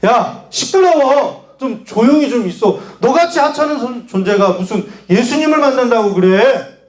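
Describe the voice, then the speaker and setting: A man's voice: extremely high pitch, lively intonation, extremely slow, pauses often, darkish tone, roomy sound, pitched above the performer's own voice, full character voice. A man voicing an annoyed, dismissive crowd that curtly scolds a beggar. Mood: scolding. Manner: curt scolding.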